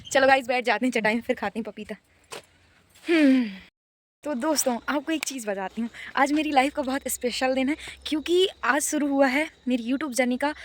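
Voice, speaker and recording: Chatty young woman vlogging at home. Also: sits high. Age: young adult. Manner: chatty, playful, laughs often. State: unwell with a fever. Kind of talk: casual vlog chat. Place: family home, indoors and outdoors.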